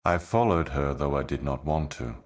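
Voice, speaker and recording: Extremely deep and resigned, this male voice portrays a solemn, ancient cosmic envoy who wearily serves the darkness forever. Delivered as a scripted game monologue, the narration is cryptic and poetic, grave, brooding, measured and portentous.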